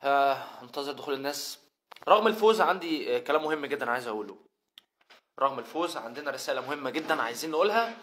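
A middle-aged Egyptian man with an Egyptian Arabic accent, giving an animated football fan rant and acting out imagined players and fans. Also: mid-range voice, very fast. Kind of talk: emotional fan video rant.

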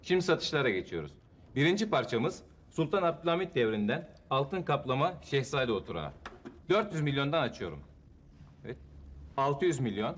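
A man's voice: mid-range voice, very animated, moderate pace, slight background noise, close to an everyday voice. A man playing a formal auctioneer, announcing items and calling out rising bids. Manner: announcing, repetitive calls. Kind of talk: auction patter in TV comedy.

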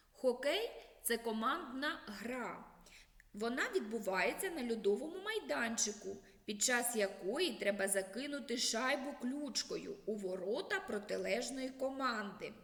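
A woman teaching a children's literacy lesson in a slow, expressive, sing-song teacher voice. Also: on the high side. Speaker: primary school teacher. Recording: echoey room with long reverb.

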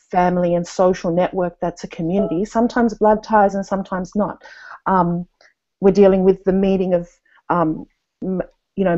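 A woman's voice: fairly low pitch, mellow. A woman in her thirties from Tonga, speaking earnestly on a video call panel with many fillers and restarts. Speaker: panel guest. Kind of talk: thoughtful video call discussion. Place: small room indoors, seated at a desk. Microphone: webcam with earphones on a video call. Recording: dull lo-fi video call audio.

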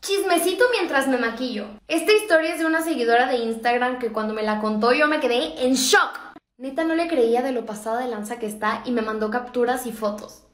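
A woman's voice: on the high side, a little fast. A young Mexican woman chatting in slangy, casual vlog style while doing her makeup. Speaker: vlogger. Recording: echoey room.

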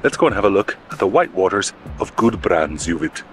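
His voice sits low, with lively intonation and a slightly fast pace, as this man chats upbeat and wry for his travel vlog. He films at arm's length on a handheld camera, in the rain outdoors and in a campervan, and music plays under a little hiss or hum.

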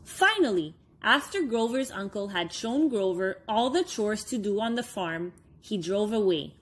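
A woman in her thirties reads a children's storybook aloud at story time, phrasing deliberately for young listeners. Her medium-pitched voice is expressive, with a breathy edge.

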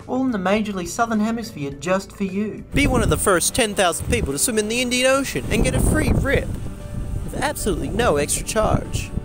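Lively woman pitching parody infomercials. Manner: mock-salesy, scripted patter. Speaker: infomercial presenter.

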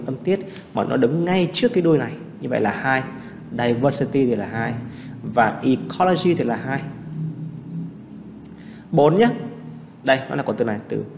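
A man's voice: mid-range voice, darkish tone, big-room sound, a little hiss or hum. A man teaching English exam practice, explaining answers step by step and asking rhetorical questions.

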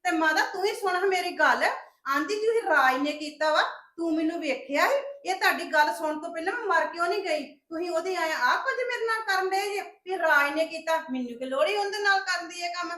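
A woman playing a scheming sister-in-law, very high voice, accusing, taunting. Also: a little fast, sharp tone. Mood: indignant. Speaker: actor in a family web drama.

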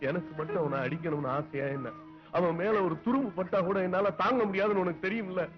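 An actor playing a stern village father who firmly justifies beating his son, in a dull film soundtrack with music. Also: high-pitched. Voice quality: firm, emphatic.

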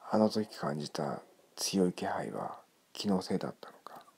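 A man narrates a creepy ghost story in a hushed tone. His voice is low and gravelly, with a crackle of fry and a breathy huskiness that often sinks close to a whisper. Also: sing-song, moderate pace.

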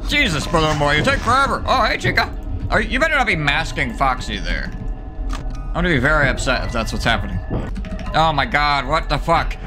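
A young man doing excitable, playful horror game commentary, breaking into exclamations and swearing, speaking close to a microphone in a room. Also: fairly high pitch, brisk, over music. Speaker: video game streamer.

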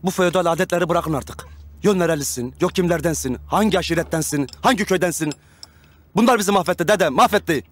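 In a TV comedy-drama, a man in his thirties plays a bossy, self-important revolutionary leader, commanding and pompous. His voice sits high and moves quickly, and the scene takes place in the furnished rooms of a house.

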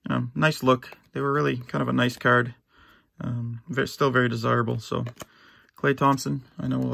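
Down in his basement at home, a middle-aged man from the United States rips open a box of sports cards for his channel, offering laid-back commentary. He has a medium-pitched, fairly bright voice, slightly hoarse, and rambles with frequent fillers, restarts, and occasional throat-clearing.

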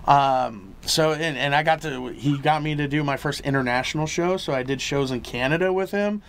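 Chatty Texan comic in an interview. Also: male voice, on the high side, normal speed, a bit bright, slight background noise. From Texas. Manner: eager and chatty, many fillers. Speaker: guest comedian. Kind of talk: interview chat.

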